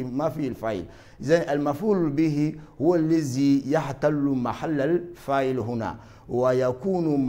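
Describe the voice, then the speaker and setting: A man's voice: mid-range voice, mellow. A man with a Malian French accent teaching a grammar lesson, repeating his points with many fillers and switching between two languages. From Mali.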